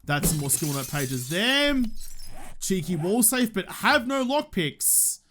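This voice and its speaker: A man's voice: high voice, sing-song, slow pace, sharp tone. An Australian man giving casual gameplay commentary, talking in a slangy, joking, cheerfully sweary way. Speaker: gaming video host.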